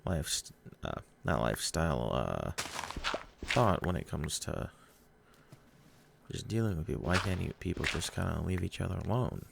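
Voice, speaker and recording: A man with a very deep, gravelly voice rambles through a casual gaming chat, pausing and stumbling over his words. His pitch swings up and down in a lively way. A clear hiss of noise sits under a home recording. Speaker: gaming vlogger. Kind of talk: rambling chat while playing a game.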